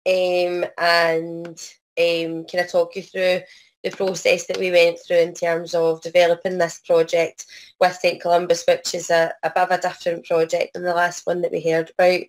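Croaky Scottish woman, fairly even pitch. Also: normal speed. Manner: hesitant, apologetic, frequent self-interruption. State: has a cold. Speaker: presenter, arts organisation producer. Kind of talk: informal online presentation. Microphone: video call.

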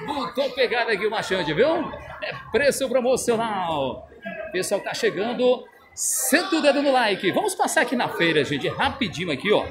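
A man's voice: sits high, big pitch swings, moderate pace, noisy background. A man with a Northeastern Brazilian accent touring an outdoor street market for his vlog, chatty and laughing often as he calls out prices. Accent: Northeastern Brazilian Portuguese. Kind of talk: casual market walk-around vlog.

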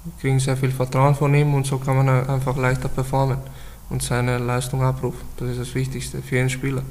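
Flat-toned young footballer. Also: male voice, medium pitch, fairly quick, a little hiss or hum. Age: 20s. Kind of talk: interview answers.

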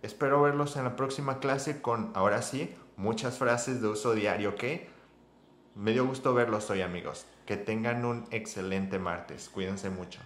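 A man giving a casual spoken language lesson to his viewers, chatty and encouraging, often checking in with a quick "ok?". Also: on the low side, a bit bright, reverberant, a little hiss or hum. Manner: chatty, addresses viewers as chicos and amigos, frequent ok. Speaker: English teacher.

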